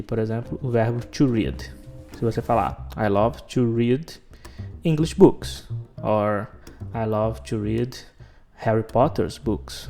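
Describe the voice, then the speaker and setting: Male English teacher, podcast lesson, mellow gravelly tone, chatty and checks in often, soft music underneath. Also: medium pitch. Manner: chatty, checks in with listeners, slows down for example sentences.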